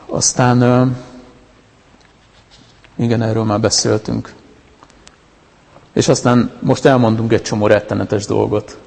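Male preacher, conversational sermon delivery, gravelly texture, long hall reverb. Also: on the low side, flat delivery, pauses often, darkish tone. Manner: conversational, with many restarts and fillers. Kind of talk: informal sermon talk.

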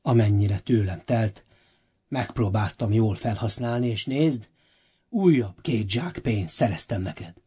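A man's voice: on the low side, warm tone, slightly rough. A man voicing a hardworking, modest servant who speaks earnestly.

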